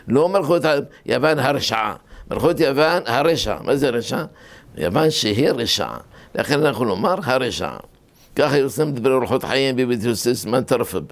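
A rabbi giving a Torah lesson. He explains things step by step, asks questions and answers them himself, tells anecdotes, and jumps up in pitch when he stresses a point. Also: creaky. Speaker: rabbi teaching a class.

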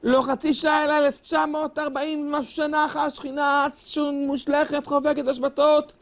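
A man delivering a sermon, preaching in a fervent sing-song cadence with long, drawn-out wails. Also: very high voice, little pitch movement, gravelly.

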